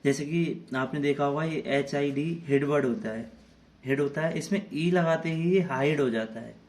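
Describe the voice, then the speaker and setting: A man's voice: fairly high pitch, moderate pace, a little mellow. Man teaching children in a lesson. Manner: repetitive rhetorical questions, spelling words out letter by letter. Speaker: English teacher.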